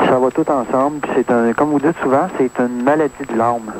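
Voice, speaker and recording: A man's voice: mid-range voice, fairly even intonation, a little fast, poor audio. A man in his thirties with a Québécois accent calling in to radio, testifying earnestly and hesitating with many fillers. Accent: Québécois French. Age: 30s. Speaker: caller. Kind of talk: phone-in testimony. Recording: caller on AM radio with faint hiss.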